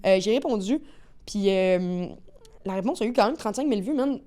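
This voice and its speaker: A woman with a Québécois accent talks very fast in a relaxed podcast chat. Her speech is slangy and lively, one story tumbling into the next. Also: mid-range voice. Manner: rapid, slangy, animated storytelling. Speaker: guest, agency owner. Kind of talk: casual podcast conversation.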